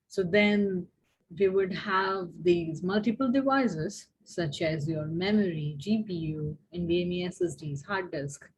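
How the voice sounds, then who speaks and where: A woman's voice: fairly low pitch, darkish tone, slight background noise, poor audio. A woman professor giving a university lecture, asking her listeners questions and often restarting her phrases.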